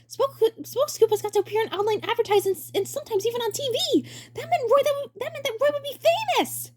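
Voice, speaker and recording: A woman voicing a dim, excitable younger-brother turtle in a cartoon story, with hammy, theatrical enthusiasm. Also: sits high, moderate pace, pitched above the performer's own voice. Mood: thrilled.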